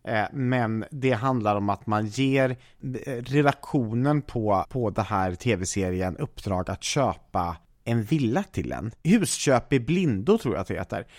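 A man's voice: on the low side, animated, hardly any pauses. A man co-hosting a podcast, chatting casually and telling meandering stories with many restarts. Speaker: podcast co-host. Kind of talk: casual chat.

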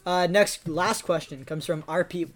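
A young man hosting a casual podcast from a small studio, reading out listener questions in a relaxed way. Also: high-pitched, normal speed, slight background noise. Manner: laid-back, reads out listener questions. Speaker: podcast host. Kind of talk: casual chat.

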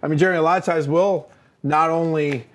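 A man's voice: on the high side, fairly quick. Man, leadership podcast co-host, emphatic, filler-heavy, casual chat. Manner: energetic, emphatic, lots of fillers and "right?" tags.

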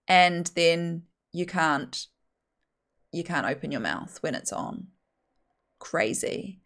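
Low-pitched, blunt New Zealand woman podcasting. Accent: broad New Zealand. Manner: blunt, opinionated, emphatic. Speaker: podcast host. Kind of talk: casual solo podcast commentary.

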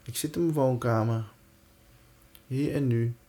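A man guiding a breathing and body-awareness exercise in a calm, reassuring way, leaving pauses between short instructions. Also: medium pitch, slight background noise. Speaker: relaxation and breathwork guide.

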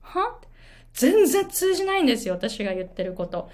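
A woman's voice: a little high, fairly quick. A middle-aged woman from Japan, coaching English pronunciation in a casual video lesson and telling stories animatedly. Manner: animated storyteller, switches between Japanese and English.

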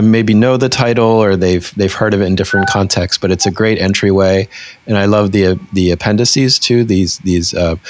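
A man hosting a podcast in a conversational interviewing style, with a husky voice. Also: low voice. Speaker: podcast host.

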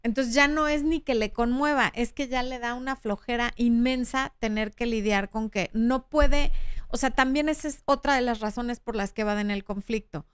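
A woman's voice: fairly high pitch, normal speed, clear, resonant tone, dry recording. A woman in her thirties with a Mexican Spanish accent, hosting a frank, chatty relationship advice talk and reading out viewer comments. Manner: frank, chatty, acts out quoted voices.

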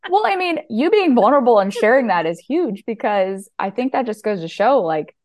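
A woman's voice: on the high side, moderate pace, no echo, clean studio sound. A woman health and nutrition coach, a guest chatting casually and easily in an interview, with plenty of fillers. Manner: relaxed, chatty, filler-heavy.

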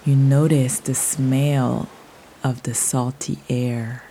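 Meditation guide, female. Very deep, mellow, hushed delivery, unhurried soothing countdown pacing that drifts toward a whisper. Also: flat delivery, slight background noise, poor audio. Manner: slow, soothing, hushed, trailing into near-whisper. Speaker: meditation podcast host and guide. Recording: soft music behind the voice. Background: soft music.

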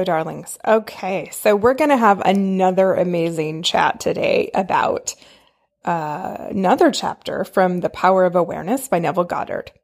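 A woman's voice: medium pitch, gravelly, a little mellow. A woman hosting a spiritual self-help podcast, talking to listeners in a chatty, emphatic way. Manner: chatty, emphatic, addresses listeners with pet names. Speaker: podcast host. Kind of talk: spiritual self-help podcast talk with read-out book passages.

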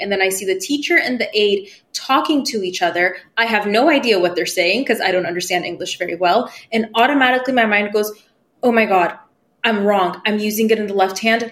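Her voice is medium in pitch and fairly bright. A spiritual medium in her 30s whose language was Farsi, she's a podcast guest telling personal stories in a casual interview, acting out quoted voices and quick to laugh.

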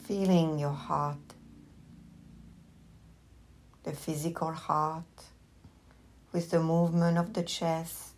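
A woman teacher guides a meditation in a low-pitched, level voice. Her instructions are gentle and unhurried, separated by long pauses.

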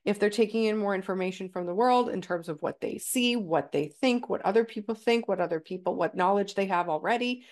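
A woman's voice: medium pitch, brisk, hardly any pauses, darkish tone. Stuffy-nosed woman podcast host. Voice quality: nasal. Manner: emphatic, with frequent "right?" check-ins. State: stuffy from a cold. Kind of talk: casual teaching talk.

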